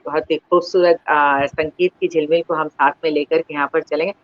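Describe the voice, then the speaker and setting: A woman's voice: sits low, steady tone, normal speed, muffled recording. A woman hosting an online interview, formal and encouraging, often stopping to praise her guest. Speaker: interview host.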